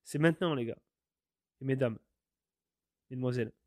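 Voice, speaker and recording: A man's voice: medium pitch, normal speed, no room sound, studio quality. A French man hosting a podcast, talking in a passionate, rambling way, repeating himself and swearing now and then. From France. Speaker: podcast host. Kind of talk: casual monologue. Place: living in Canada.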